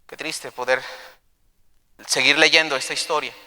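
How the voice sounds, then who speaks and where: Brief: fervent male pastor, bright, ringing church sound. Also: a little high, steady tone, a little slow, in a large hall. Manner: impassioned, dramatic storytelling. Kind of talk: sermon.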